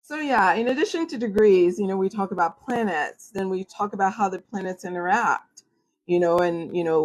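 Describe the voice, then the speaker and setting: Hosting a livestream on astrology, this native French speaker chats informally with her viewers, peppering her talk with "like" and "you know," and describes herself as formal in English. The recording is rough, and her voice is fairly low and a little mellow.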